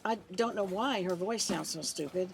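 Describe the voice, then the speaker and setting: An actress playing a sincere elderly woman, a new amateur actress, speaking slowly and plainly in a comedic audio drama. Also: fairly low pitch, creaky, a little hiss or hum.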